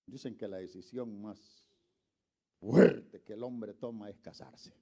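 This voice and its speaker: A man preaching a sermon, swinging from quiet murmurs to shouts and calling on the congregation to answer him. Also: on the low side, slow pace, gravelly. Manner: calls on the congregation to respond.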